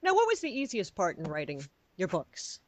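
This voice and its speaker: Woman radio host, lowish voice, lively pitch, encouraging, dry close sound. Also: moderate pace, no room sound. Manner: encouraging, many listening sounds. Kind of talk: casual interview chat.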